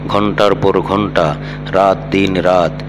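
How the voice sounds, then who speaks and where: A man narrating a first-person story in a measured, unhurried reading voice. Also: low voice. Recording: steady hum and vehicle noise behind.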